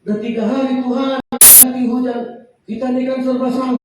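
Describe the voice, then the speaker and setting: A man preaching a sermon in a church, animated, acting out the panicked cries of people. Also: extremely high pitch, fairly quick. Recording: echoey church hall from far off, faint noise.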